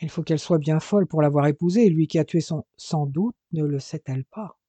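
A man voicing a wary henchman who rattles off his doubts quickly and skeptically. The voice is dark and mellow in a dry recording. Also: on the high side, husky, dry recording.

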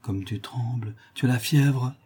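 A man's voice: mid-range voice, measured pace, dark tone, slightly rough. A man voicing a frightened pleading mother. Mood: tender. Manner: pleading, anxious. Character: frightened, desperate poor mother, middle-aged.

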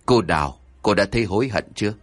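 Man doing a grim old exorcist, deep somber voice, harsh scolding, low and husky. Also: animated, fast, dry recording, faint music behind. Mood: stern. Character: stern older male exorcist, grim and accusing.

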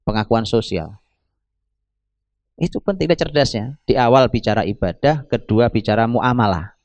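Man, middle-aged, preacher, sermon, emphatic, animated, talks straight to the audience, dry close recording. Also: medium pitch, normal speed, no echo. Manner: animated, emphatic, often addresses listeners directly. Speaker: Islamic preacher.

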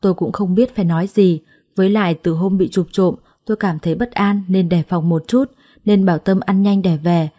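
Mellow-voiced woman telling a story. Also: lowish voice, fairly quick. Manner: calm, reflective, melancholy. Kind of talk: first-person story narration.

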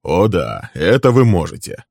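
A man voicing a hot-tempered young man who shouts accusations at a rival in a storybook reading. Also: low-pitched, lively intonation, normal speed, no room sound, studio quality, heavily acted. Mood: venomous.

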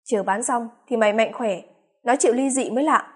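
A woman reading the part of a wise older eldest brother, speaking slowly and in measured tones. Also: very high voice, fairly bright tone, slightly rough, full character voice. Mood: firm. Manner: slow, measured lecturing.

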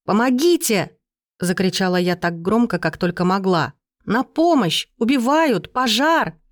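Quick-witted young heroine, as a reader puts her on, raised urgent voice, dry sound. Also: level tone, no room sound, lightly acted. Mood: shouting. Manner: high urgent pleading and shouting.

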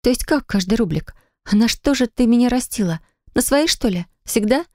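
A woman's voice: on the high side, fairly even intonation, fast talker, a little mellow, no room sound, clean studio sound, voice pushed up, close to an everyday voice. A woman reading an audiobook, voicing an anxious, frightened young woman who talks in breathless, pleading bursts.

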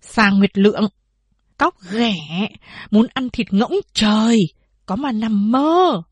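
A woman's voice: on the high side, moderate pace, no echo, natural voice. A woman voicing a stern, anguished middle-aged mother who pleads and scolds. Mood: fierce. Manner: pleading, then fierce.

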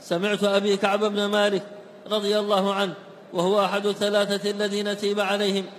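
A man reading classical text aloud in a steady, chanting recitation for a class. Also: high voice, fast, slight background noise. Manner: even, chanting recitation of chains of narrators. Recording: long hall reverb.

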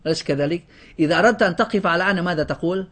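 A man leads a grammar class, drilling word lists and testing students with questions in a high-pitched, fairly bright voice at rapid-fire pace. He often abandons a word partway and tries it again.

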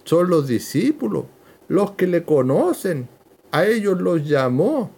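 A man teaching a verse-by-verse Bible lesson, slow and emphatic, repeating key phrases. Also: high voice, very animated, vocal fry, a little mellow, slightly rough.

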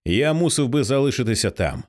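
A man voicing a stern commanding man who takes charge, speaking in calm, clipped orders. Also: mid-range voice, fairly quick, natural voice. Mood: grim commanding.

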